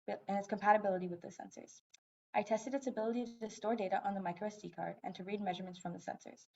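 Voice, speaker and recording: A young woman from Texas presenting her part of a student project on a video call, reading quickly from notes with small slips. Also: medium pitch, vocal fry, warm tone. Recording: dull lo-fi call audio.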